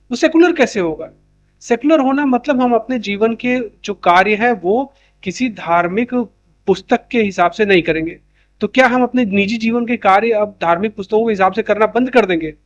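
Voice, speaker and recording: A man's voice: high-pitched, highs cut off. A man giving an opinion monologue to camera, insistent and full of rhetorical questions. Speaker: YouTube commentator.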